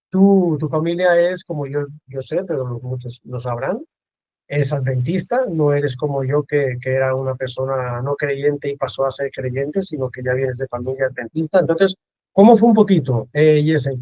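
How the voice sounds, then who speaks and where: A man hosting a casual video-call interview, talking in a warm way with many restarts and repeated words. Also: medium pitch, moderate pace, no room sound. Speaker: host.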